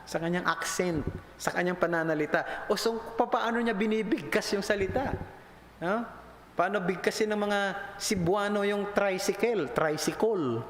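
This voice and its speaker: A man's voice: high voice, normal speed, slight background noise. A man, a pastor preaching a sermon to a congregation, mixing English phrases into his talk and asking rhetorical questions. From Philippines. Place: church hall. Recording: echoey church hall with long reverb.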